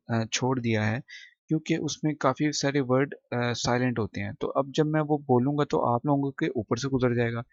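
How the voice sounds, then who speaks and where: A man's voice: mid-range voice, dry recording. Male tutor, patient word-by-word explainer; dry, muffled voice-over. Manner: explains word by word, slow and deliberate when reading English lines. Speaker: English teacher. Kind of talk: screen-recorded textbook lesson. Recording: dull, dry close recording.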